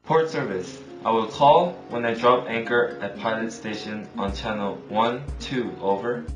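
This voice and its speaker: A man's voice: mid-range voice, measured pace. A man playing a ship's officer on a marine radio call, repeating orders back in formal radio procedure. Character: male ship's radio officer, calm and compliant. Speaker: ship's officer of a motor vessel. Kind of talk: scripted maritime radio role-play. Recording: echoey room with music underneath.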